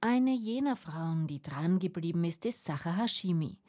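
A woman reading a radio feature report in an even, measured way. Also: lowish voice. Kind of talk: scripted feature narration.

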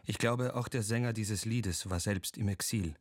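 A man reading a voice-over translation in a calm, even way. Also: lowish voice, moderate pace, no echo, studio quality.

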